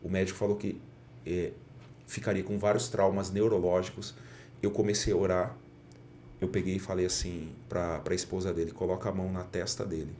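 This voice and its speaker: A middle-aged man with a very low, deep voice tells an earnest testimony as a podcast guest. He acts out the lines he quotes as he speaks. A faint hum of room ambience sits behind him. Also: little pitch movement, brisk, mellow. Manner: earnest storyteller, often acts out quoted dialogue. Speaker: pastor and guest.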